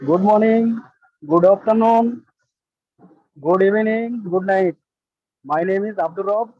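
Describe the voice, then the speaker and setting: A man's voice: high-pitched, a little slow, no echo. A man from Bangladesh calling into a webinar, speaking in short, broken phrases. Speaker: webinar caller. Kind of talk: halting call-in remarks. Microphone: video call. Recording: dull lo-fi dry call audio.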